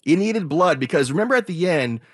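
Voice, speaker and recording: A man's voice: a little high, animated, a little fast, dry recording. Man chatting on dry-sounding sports radio. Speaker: co-host of a sports radio show on wrestling. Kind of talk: casual opinionated sports chat.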